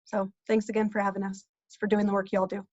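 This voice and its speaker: A woman's voice: medium pitch, monotone, fast, darkish tone, no echo. A woman from New Mexico, a policy advocate, speaking earnestly on a video call panel with fillers like "you know". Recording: dull, lo-fi video call audio.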